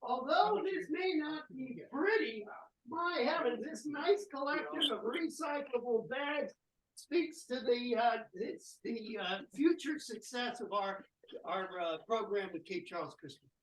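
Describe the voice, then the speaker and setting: A person leading a club meeting, announcing each item briskly and stumbling into fillers when ad-libbing. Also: medium pitch, a bit bright, roomy sound, low-quality recording. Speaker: meeting presider.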